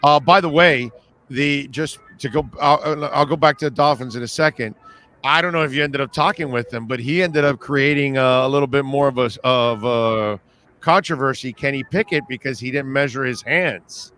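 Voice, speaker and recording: A man's voice: mid-range voice, normal speed, a bit bright. A man hosting a sports talk show, chatting casually and putting questions to his guest.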